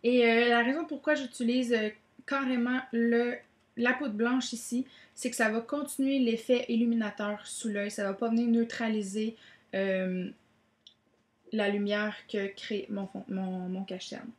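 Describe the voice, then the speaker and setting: A woman's voice: a little high, fairly even intonation, unhurried, roomy sound. Chatty young woman. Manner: chatty, many "donc, euh" fillers. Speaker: beauty vlogger. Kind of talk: makeup tutorial.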